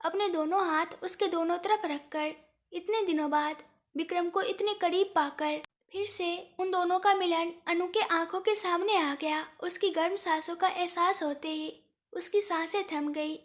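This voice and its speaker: A woman storyteller narrates a scripted story in a steady, plain way. Her voice sits very high. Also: measured pace.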